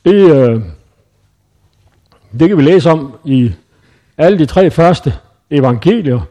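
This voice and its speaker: A man's voice: on the high side, lively intonation, dark tone. A man preaching in a conversational Bible-teaching style, thinking aloud with frequent hesitations and self-corrections.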